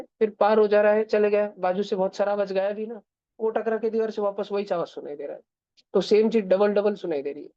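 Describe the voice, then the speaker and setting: A woman's voice: medium pitch, dry recording. Woman teaching physics, dull dry sound, keeps asking if you get it. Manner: chatty, keeps checking students follow. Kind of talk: classroom lecture.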